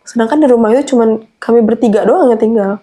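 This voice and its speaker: A woman's voice: a little high, fast, warm tone. A young adult woman telling a personal horror story in an earnest, anxious way. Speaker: guest storyteller.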